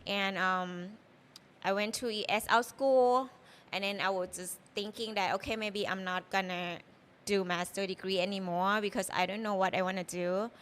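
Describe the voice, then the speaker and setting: At a moderate pace, the Thai chef, a woman in her thirties, chats comfortably as an interview guest in English with a Thai accent. Her voice is clear, smooth, and mid-pitched, and her loose style keeps returning to "like" and "you know."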